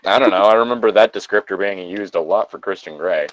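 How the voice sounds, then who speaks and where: Talking fast in a low voice, a man reads fan fiction aloud, dropping casual commentary and wry jokes as he goes. The close recording sounds a bit lo-fi, giving it a comedic read-along feel.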